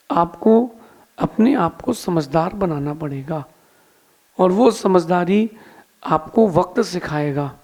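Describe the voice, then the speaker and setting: A man's voice: sits high, creaky, darkish tone. A Jain monk giving a sermon, telling a story with acted-out dialogue and then advising his listeners directly.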